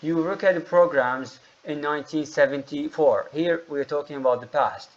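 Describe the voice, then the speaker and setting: A man's voice: a little high, moderate pace, muffled recording. Man teaching English online. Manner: explains grammar rules patiently, calls on students by name. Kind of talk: online class teaching, mixing Arabic and English. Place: online classroom session.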